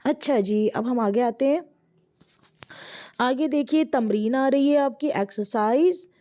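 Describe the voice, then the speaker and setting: Woman, language teacher, high voice, unhurried, dull lo-fi recording. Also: warm tone. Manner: reads each word slowly and drawn out, then explains quickly. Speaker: Arabic teacher. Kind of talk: explaining a language textbook lesson.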